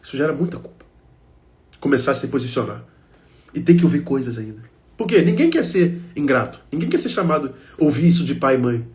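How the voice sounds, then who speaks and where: A man's voice: medium pitch, sing-song, fairly quick, darkish tone. A man with a Brazilian Portuguese accent giving an emotional self-help talk, speaking emphatically to his listeners in short repeated phrases.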